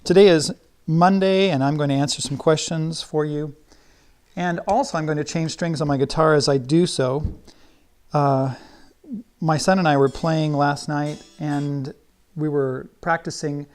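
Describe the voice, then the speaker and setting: A middle-aged man teaching guitar in a relaxed, chatty way, thinking aloud as he works. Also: a little high, measured pace. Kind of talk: casual how-to lesson while working.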